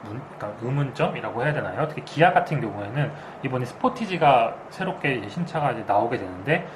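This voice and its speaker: A man's voice: mid-range voice, animated, quick pace. A man co-hosting an unscripted financial talk, speaking through a face mask and explaining carefully as he weighs his word choices. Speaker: co-host and market commentator. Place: makeshift indoor room, not a studio. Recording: clearly noisy, air conditioner hiss.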